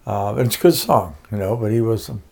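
A man's voice: lowish voice, lively intonation, quick pace, gravelly, darkish tone, breathy edge. An older man from Connecticut, a music producer being interviewed, telling his life story casually with many fillers and restarts.

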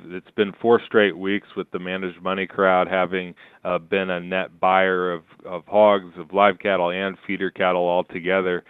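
A man talking over the phone as a market analyst guest, giving steady commentary with frequent fillers. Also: low voice, clear, resonant tone, dry recording. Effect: heard over the phone. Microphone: telephone. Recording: narrow phone line.

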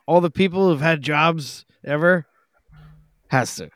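A man with a mid-range voice talks at an unhurried pace, riffing jokingly as a podcast co-host. His voice sounds dry and close, and he breaks into laughter often. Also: a little high, fairly bright tone, dry recording. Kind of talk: casual comedic chat.

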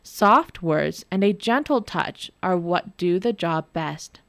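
A gentle young woodsman from a storybook, soft and worried as he gives his advice, in a woman's reading voice. His words come slow and pleading. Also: mid-range voice, animated, dry recording, close to an everyday voice.

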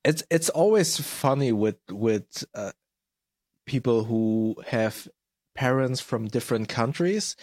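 A man's voice: mid-range voice, animated, takes it slowly, darkish tone, no echo. Man from Germany, mid-range voice, dry close recording, casual host with hesitant questions. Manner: hesitant, short prompting questions. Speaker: podcast host. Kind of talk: casual interview.

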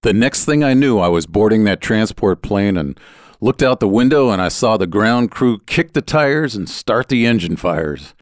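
A man's voice: on the low side, animated, normal speed, no echo, clean studio sound. An older American man telling his life story as a memoir, wry and conversational, with playful asides.

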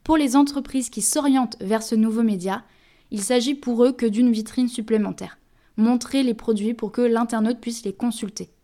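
A woman's voice: fairly high pitch, normal speed, mellow. Woman hosting a friendly podcast. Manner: friendly, addresses listener directly. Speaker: podcast host. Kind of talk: casual scripted podcast talk.

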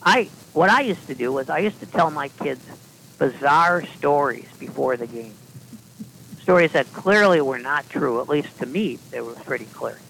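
A man, a podcast guest, telling long anecdotes in a deadpan style with dry asides and frequent restarts. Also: fairly high pitch, normal speed, vocal fry, a little hiss or hum, low-quality recording. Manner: deadpan, self-correcting storyteller with dry asides. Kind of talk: casual anecdotal storytelling.

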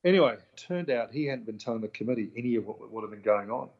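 An interview guest with a New Zealand accent recounts his story in casual conversation, bringing quoted people to life by acting out their voices with animation. His medium-pitched voice moves at a quick pace on a muffled recording.

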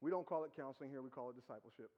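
A man preaching as pastor, conversational and teasing, with rhetorical questions and quick laughs. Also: medium pitch. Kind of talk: sermon. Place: church hall. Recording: dull sound with long hall reverb.

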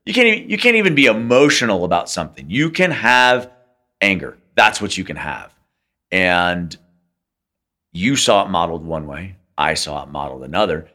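A man's voice: sits low, very animated, normal speed, bright, forceful tone. A man co-hosting a podcast, speaking earnestly and reflectively in casual conversation. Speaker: podcast co-host. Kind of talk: casual chat.

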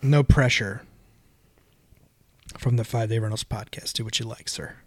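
A man's voice: mid-range voice, fairly even intonation, moderate pace, a little mellow, no echo. A man hosting a casual podcast, recapping a film scene by scene in plain narration.

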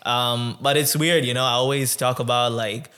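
A man in his twenties from Tanzania, a podcast guest talking in a relaxed, reflective way with many pauses and fillers. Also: mid-range voice, clean tone. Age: 20s. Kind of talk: conversational interview.

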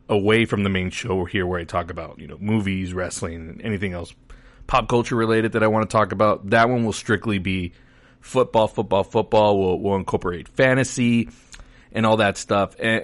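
Podcast host: American man, lowish voice, loose informal solo chat. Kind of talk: casual solo entertainment show talk.

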